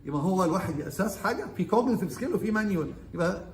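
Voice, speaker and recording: Fast-talking Egyptian doctor lecturing interns. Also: male voice, sits high, expressive, roomy sound. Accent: Egyptian Arabic. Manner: quizzes the class, switches between Arabic and English medical terms. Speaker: surgeon lecturing medical interns. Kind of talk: orientation lecture.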